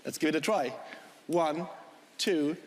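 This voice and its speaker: A man's voice: a little high, measured pace. A man performing as a stage magician, giving patter to a theatre audience. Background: music and audience.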